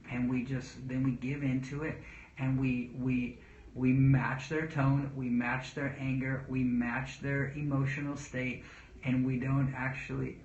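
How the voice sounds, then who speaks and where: A man in his thirties, a father giving casual parenting talk to camera, earnest and rambling, pausing to read viewer questions. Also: mid-range voice, a little mellow, slight background noise. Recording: echoey room, dull lo-fi sound.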